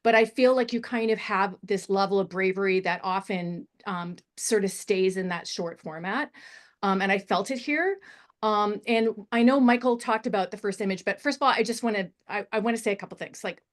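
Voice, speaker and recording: A woman with a medium-pitched, fairly quick voice serves as a panelist in a table read discussion, offering unscripted feedback on a screenplay. She's encouraging and seems to feel her way through her phrasing.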